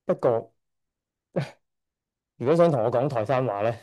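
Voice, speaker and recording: A middle-aged Hong Kong man gives a testimony during a church service in a medium-pitched, expressive, dark-toned voice at a measured pace. He is hesitant, often corrects himself, and chuckles shyly.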